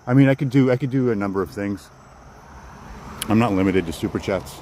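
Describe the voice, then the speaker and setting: Male streamer, deep voice, casual repetitive chat, recorded outdoors with faint cricket-filled background noise. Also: brisk, warm tone. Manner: rambling, repeats and restarts phrases. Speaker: livestreamer hosting a walk and talk. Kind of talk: casual livestream chat with viewers. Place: outdoors on a walk in the woods. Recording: outdoor noise with insects and nature sounds. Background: crickets, outdoor nature ambience.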